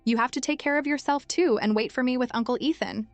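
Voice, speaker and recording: A woman's voice: high voice, quick pace, dry recording, soft background music. A woman voicing a cold, calculating five-year-old boy who talks with cool, clipped mockery. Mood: sweet.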